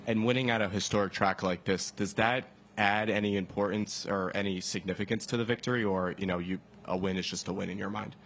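A man's voice: on the low side, fairly even intonation, fairly quick, a bit bright, slight background noise. A man working as a reporter, putting questions at a press conference.

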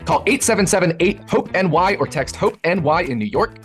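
A man reading scripted advertising fine print as a rapid legal disclaimer. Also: high voice, expressive, a bit bright, soft background music.

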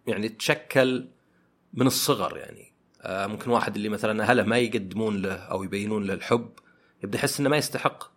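A man hosting a podcast, talking through ideas in a thoughtful way and often pausing to search for words. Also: mid-range voice, sharp tone. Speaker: podcast host. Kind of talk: reflective podcast monologue.

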